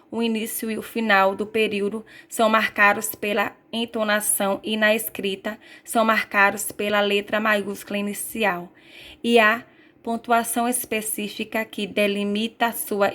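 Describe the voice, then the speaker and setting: Flat-voiced Brazilian woman teaching grammar. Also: medium pitch. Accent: Brazilian Portuguese. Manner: reads slides aloud with self-corrections. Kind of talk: recorded grammar lesson.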